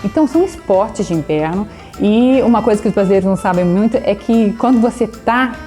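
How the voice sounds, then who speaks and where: Mellow-voiced woman teaching German. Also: mid-range voice, animated, faint music behind. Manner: slows down sharply to model German phrases; fillers of "né?" and "tá bom?" to check in with the viewer. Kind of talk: language lesson.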